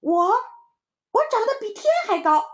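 A woman voicing a little boy who doubts his friend, with a high excited child voice and a teasing manner. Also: moderate pace.

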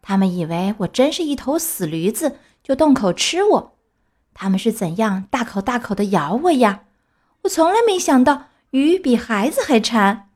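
A woman voicing a cheeky, chatty wooden puppet boy in a raised, bright voice. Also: on the high side, big pitch swings, normal speed.

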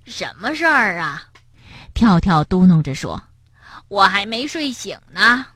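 A woman voicing a cheerful, feisty young male frog in a children's storybook, with lively exclamations. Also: mid-range voice, unhurried, no echo, studio quality, heavily acted. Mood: sleepy.

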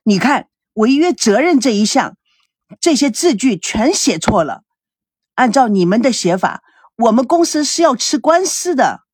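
A woman's voice: on the high side, very animated, moderate pace, a little mellow, husky, no echo, clean studio sound. A woman doing a harried male manager. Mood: exasperated. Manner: exasperated, sighing.

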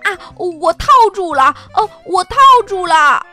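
A woman voicing an eager little male hamster who dreams of being a cowboy, with excited, squealing exclamations. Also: fairly high pitch, slow pace, faint music behind, full character voice. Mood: triumphant.

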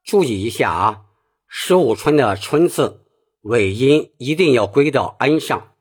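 A man teaches Peking opera singing at an unhurried pace, patiently explaining each phrase before he sings it. His voice is a little husky, and his pitch moves freely as he explains. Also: animated, faint music behind. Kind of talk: spoken singing lesson.

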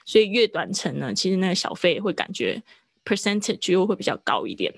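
A woman teaching a live online English lesson, explaining at length and stretching out words slowly to demonstrate them. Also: mid-range voice, very animated, breathy edge, no room sound. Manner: slow, drawn-out pronunciation demonstrations. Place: online class.

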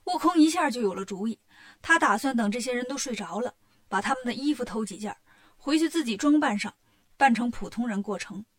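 Lively woman telling a children's story. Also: fairly high pitch, a little fast.

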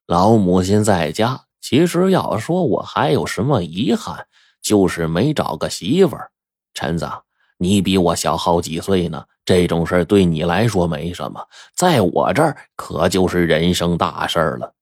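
A male storyteller voicing a plain-spoken man, a team leader, talking slowly and evenly. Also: low voice, very animated, darkish tone, dry recording, clean studio sound, exaggerated voice. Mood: calm earnest.

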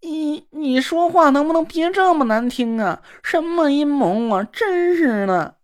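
A woman voicing an effeminate, fawning and sly young man, talking in a wheedling, drawn-out sing-song way. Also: high-pitched, animated, pitched above the performer's own voice. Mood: evasive. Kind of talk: audiobook character voice.

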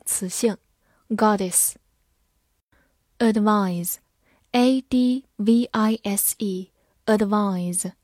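A woman teaching an English vocabulary lesson, spelling words letter by letter and reading example sentences slowly. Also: fairly high pitch, a little mellow, dry recording, studio quality.

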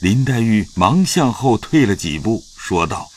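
Slow, expressive male storyteller. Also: lowish voice, a little hiss or hum. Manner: slow, expressive, dramatic reading. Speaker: narrator. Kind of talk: storytelling narration of a classic novel.

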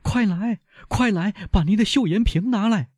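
A man's voice: fairly low pitch, wildly swooping pitch, moderate pace, dark tone, slightly rough, dry recording, studio quality, voice pushed up, full character voice. A man voicing a frantic young woman from a storybook. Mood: panicked crying out. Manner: urgent, pleading cries. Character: young woman, devoted granddaughter, anxious.

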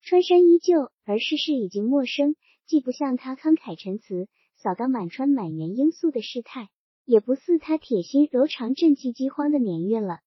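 A woman narrating a novel in a measured, literary storytelling manner. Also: high-pitched, expressive, breathy edge, no room sound. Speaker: audiobook narrator. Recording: dull, dry audiobook recording.

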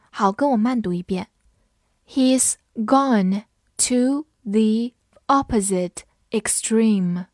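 A woman teaching English vocabulary in a calm, clear way. She spells words out letter by letter and reads example sentences slowly for her listeners to repeat. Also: a little high, no echo, studio quality. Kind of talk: vocabulary lesson.

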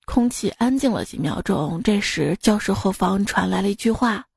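A woman's voice: mid-range voice, lively intonation, moderate pace, gravelly, darkish tone, a little hiss or hum. A woman hosting a radio joke show, telling jokes casually and acting out the quoted lines, often laughing at her own punchlines.

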